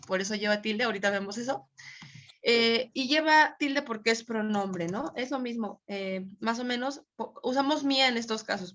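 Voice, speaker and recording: A woman's voice: mid-range voice, fairly bright tone. A woman teaching a Spanish grammar class online, patiently checking that students follow. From Mexico. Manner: patient, checks understanding often. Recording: dull lo-fi audio.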